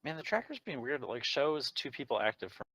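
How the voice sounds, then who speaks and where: A man plays a tabletop game, chatting casually and jokingly. His pitch moves around a lot, with a bright edge and a fair amount of fry. The sound is close and dry. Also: big pitch swings, fast, no room sound.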